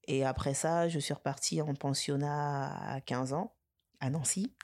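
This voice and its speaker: A woman in her twenties from French Guiana, a podcast guest chatting casually, hesitant with many fillers and quick to laugh and tease. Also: sits low, steady tone, a little mellow. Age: 20s. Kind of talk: casual interview chat.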